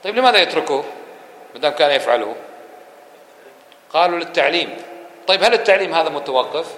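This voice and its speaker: Male teacher giving a religious lesson in an echoey room with faint hum, quick-talking. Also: fairly high pitch. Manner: questions listeners and answers himself; fast, lively delivery that drops to quick murmured dhikr runs. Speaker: Islamic scholar teaching a lesson. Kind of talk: religious lesson to a mosque audience.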